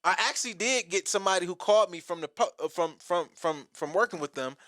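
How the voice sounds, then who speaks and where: Guy in his late 20s, bright forceful voice, dry close sound, acts out the quotes, swears a lot. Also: sits high, quick pace, no echo. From Detroit, Michigan. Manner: animated, acts out quotes, profane. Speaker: guest comedian. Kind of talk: casual storytelling interview.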